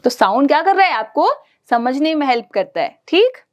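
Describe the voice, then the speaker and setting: A woman teacher, giving a lively online lesson to children. She talks straight to the kids and imitates everyday sounds for them. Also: high-pitched, normal speed, dull audio.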